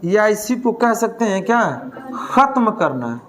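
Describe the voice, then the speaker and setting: A man's voice: high voice, very animated, a little slow, fairly bright tone. A male teacher, lecturing a class, asking questions and answering them himself, with a joke now and then.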